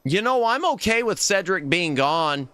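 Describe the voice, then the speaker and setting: A man streams a game with a high, lively voice that swings up and down. He chats casually with viewers and exclaims freely, recorded close and dry. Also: normal speed, clean tone, no room sound. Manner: expressive, exclamatory. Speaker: livestream host. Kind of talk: casual game livestream chat.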